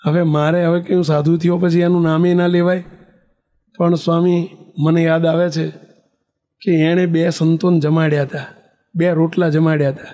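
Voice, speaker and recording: A man's voice: on the high side, moderate pace, pauses often. A man telling a story in a sermon, acting out the characters' calls. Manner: animated storyteller, acts out shouting characters. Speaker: preacher.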